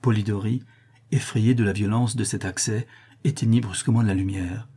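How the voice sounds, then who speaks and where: Man reading an old novel aloud, husky mellow voice, measured and dramatic. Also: fairly low pitch, fairly even intonation. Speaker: narrator. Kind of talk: audiobook narration.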